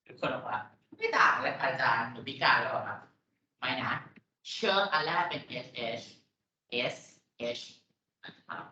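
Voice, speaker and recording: A man's voice: mid-range voice, animated, moderate pace, pushed and bright. A man with a Thai accent teaching English pronunciation in a lecture, patiently explaining and repeating words. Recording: echoey room, dull lo-fi audio.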